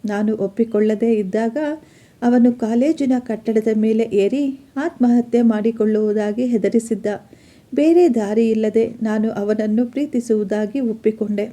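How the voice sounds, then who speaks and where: A woman's voice: fairly high pitch, fairly even intonation, moderate pace, warm tone, lightly acted. Woman voicing a betrayed young woman. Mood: lamenting. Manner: pleading, accusing. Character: wronged young woman student, betrayed and desperate.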